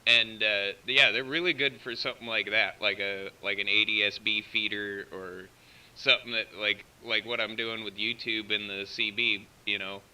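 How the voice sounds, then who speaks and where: An American man, a CB radio operator running a live stream, chats informally and walks through technical details step by step. His lowish voice is pushed, bright, clear, and resonant, with fairly even intonation at a normal speed. The CB station's live feed sounds distant.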